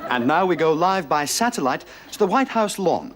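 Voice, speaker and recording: A man's voice: on the high side, big pitch swings, moderate pace. A man playing a TV news presenter, reading scripted mock headlines in a comedy show. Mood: mock serious. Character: brisk male TV news presenter in comedy sketch. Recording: noisy TV studio with loud audience.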